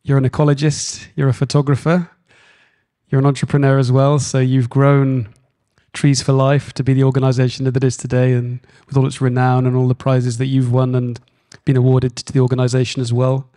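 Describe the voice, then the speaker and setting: A man chairing a conference panel, introducing the next speaker in a measured, slightly halting way on a handheld microphone. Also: medium pitch, monotone, mellow. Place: conference room.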